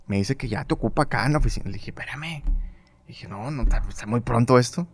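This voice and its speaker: Racing along in a mid-range voice, a middle-aged man with a northern Mexican accent shares anecdotes during an interview. He is a broadcast journalist who animatedly acts out quoted dialogue and uses plenty of fillers.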